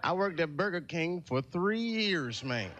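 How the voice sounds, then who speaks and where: A man's voice: on the high side, animated, a little slow, a bit bright, highs cut off. Laid-back young man doing stand-up. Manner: laid-back, conversational, asks the crowd. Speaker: stand-up comedian. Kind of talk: stand-up set. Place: stage before a studio audience.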